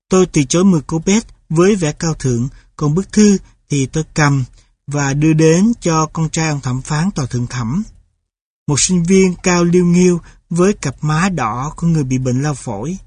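A man reading a memoir-style story aloud in steady, measured scripted narration. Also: on the high side, no room sound.

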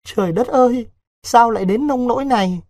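A man voicing a young peasant servant girl who pleads through tears, in a husky voice. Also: high voice, moderate pace, darkish tone, no room sound, studio quality, pitched above the performer's own voice, lightly acted. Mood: imploring. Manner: tearful, imploring pleas.

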